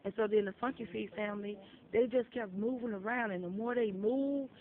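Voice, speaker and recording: Recorded on a phone outdoors with tinny audio, faint noise and crowd sounds, a woman who lives in a shelter tells a story in casual chat. She is blunt and profane and acts out the dialogue she quotes, speaking fairly quickly in a mid-range voice.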